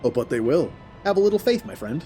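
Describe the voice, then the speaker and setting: A man's voice: a little high, big pitch swings, fast talker, dark tone, faint music behind. A man voicing proud, grandiose fantasy game characters, reading in a formal, declamatory way.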